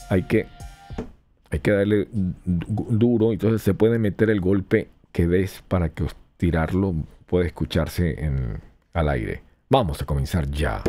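Man, podcast host, low warm voice, chatty rambling gear review, faint music behind. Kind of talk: casual hands-on product review.

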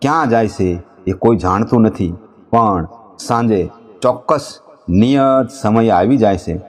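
A man telling a devotional folk legend, reciting couplets slowly and drawn out between passages of narration. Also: fairly low pitch, a little mellow. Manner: slow, measured recitation, drawing out couplets. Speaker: storyteller. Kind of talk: devotional folk storytelling with chanted verses.

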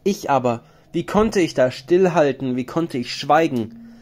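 A man's voice: on the high side, expressive, unhurried, a little mellow. Male reader as a mourning wandering hero king in an audiobook epic, solemn and lamenting. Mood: grieving.

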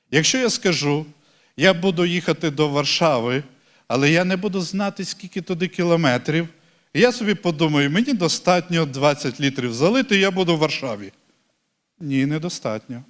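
A man preaching a sermon as pastor, earnest and conversational, slowing down on key words and lifting his voice to stress them. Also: fairly high pitch.

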